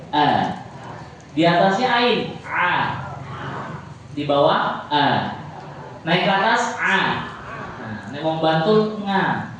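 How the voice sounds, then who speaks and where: Man, islamic teacher, demonstrates letter sounds, slow, fairly high voice. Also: background noise. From Jakarta, Indonesia. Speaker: Islamic teacher at a boarding school. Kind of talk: religious lesson to villagers. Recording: very echoey hall, distant mic, faint ambience.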